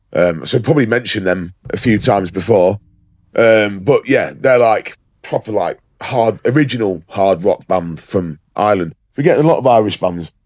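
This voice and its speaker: Low-voiced sweary podcast man. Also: a little mellow, no room sound, studio quality. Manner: rambling, sweary, full of ums and fillers. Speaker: podcast co-host. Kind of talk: casual podcast chat.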